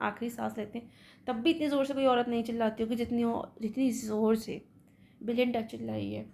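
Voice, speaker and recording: Slow, gravelly woman teaching. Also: on the high side, darkish tone. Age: young adult. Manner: slow, deliberate reading of verse, quick asides. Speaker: literature teacher. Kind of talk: lecture mixing English and Hindi.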